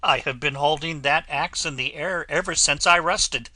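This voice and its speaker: A man reading an audiobook, voicing a rusted tin woodman who speaks slowly and sadly. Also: fairly high pitch, pushed and bright, dry recording, voice pushed up. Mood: sorrowful. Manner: slow, sorrowful, weary speech. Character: rusted male tin woodman, sad and slow.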